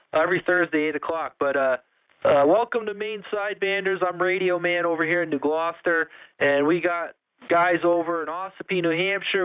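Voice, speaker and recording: Male radio net host, high register, casual operator patter, crackly band-limited transmission. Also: smooth, dull audio. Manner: crackly radio-operator talk, directing callers. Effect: two-way radio.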